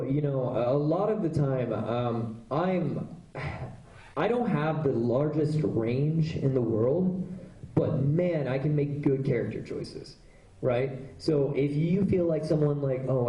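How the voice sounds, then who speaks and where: With a dark tone in a mid-range voice, this voice actor chats loosely through audience questions at a convention panel, leaning on lots of fillers. The recording comes from an echoey panel room.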